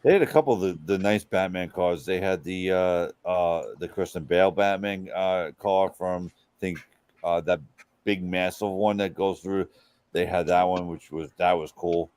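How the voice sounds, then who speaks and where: A man's voice: low voice, normal speed, a little mellow, clean tone, dry recording. A man in casual chat, blunt and given to rambling.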